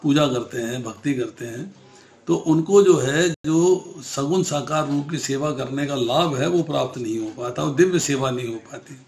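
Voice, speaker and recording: A man's voice: mid-range voice, normal speed, a little mellow. Man teaching scripture in an echoey room. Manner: explains with simple examples, questions the class; mixes English words into Hindi. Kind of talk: scripture lesson.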